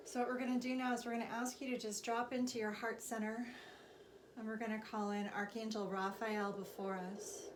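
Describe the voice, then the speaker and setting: A woman teaching a spiritual class and guiding a meditation in slow, deliberate phrases with pauses. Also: on the high side, flat delivery. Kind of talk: guided meditation and spiritual instruction. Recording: clearly noisy recording with background ambience.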